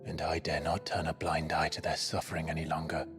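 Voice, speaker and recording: A brooding ex-killer guy in a game, deep and solemn, sorry for his past, music behind. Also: completely flat delivery. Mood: remorseful, resolute. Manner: measured, solemn. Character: brooding, remorseful young male ex-killer. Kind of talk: video game drama. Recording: game audio under clear music.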